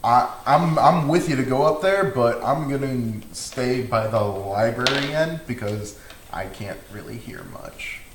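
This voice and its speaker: A man's voice: mid-range voice, unhurried, reverberant, slight background noise, poor audio. A man playing a tabletop game, talking hesitantly with many restarts. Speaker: player. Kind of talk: casual tabletop play.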